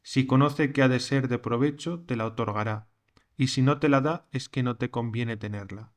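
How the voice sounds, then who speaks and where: A man giving a scripted reading of a sermon in a measured, declamatory way. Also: medium pitch. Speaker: reader of a recorded sermon text.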